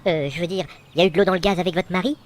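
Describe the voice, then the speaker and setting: An actor playing a fussy, excitable male neighbor who rambles nervously in a high voice. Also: very fast, natural voice.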